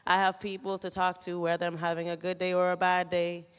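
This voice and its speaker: In a big echoey room at a graduation event, with long reverb, a Bahamian woman delivers a casual public testimonial as a programme participant. Her lowish voice is clear and resonant, fairly quick and completely flat, though her storytelling is chatty and informal.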